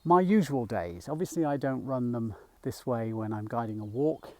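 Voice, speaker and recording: A middle-aged man talking gently while walking outdoors, a little out of breath, rambling with fillers as he guides a mindfulness practice. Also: medium pitch, animated, normal speed. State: slightly out of breath. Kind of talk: casual walking vlog. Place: outdoors in a field by a small woodland.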